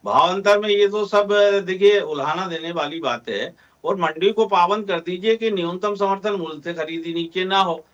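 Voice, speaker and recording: A man with a fairly high voice makes an earnest case on a panel discussion, pausing often with small hesitations as he argues for farmers. The sound is dull and lo-fi, like a remote feed. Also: a bit bright. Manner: earnest, argumentative, many hesitations. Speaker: farmer representative guest.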